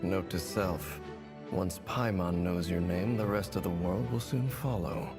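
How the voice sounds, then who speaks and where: A stern, reserved game character. His voice is fairly low, terse and deadpan, over clear music. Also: measured pace. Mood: dry, reserved. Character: reserved, dry, blunt man of few words. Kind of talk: video game voice acting.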